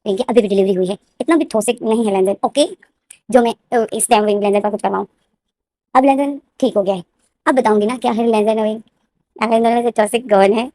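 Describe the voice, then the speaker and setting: Woman storyteller, very fast casual retelling, slightly high voice, repetitive fillers. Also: mellow. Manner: rapid, repetitive narration with many fillers. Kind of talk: casual fan-fiction retelling.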